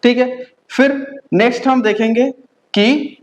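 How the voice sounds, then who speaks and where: A woman from India teaching a beginner German lesson. She drills letter sounds slowly and keeps checking that the learners follow. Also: on the high side, rough recording. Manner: patient drilling, frequent "okay?" check-ins, slow spelled-out letters.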